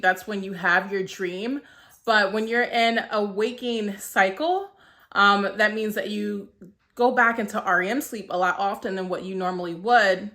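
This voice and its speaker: Woman, 30s, vlogger. Bright tone, chatty and loose with fillers, slightly breathless. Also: mid-range voice. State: short of breath. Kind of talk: casual vlog talk to camera.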